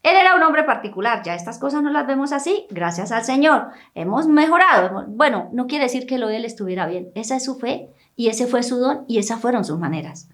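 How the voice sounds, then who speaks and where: A woman preaching a sermon. She tells the story animatedly, often checks in with her listeners, and rises to near-shouts when she quotes people. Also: a little high, lively intonation, fairly quick. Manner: addresses listeners directly with frequent "¿sí?".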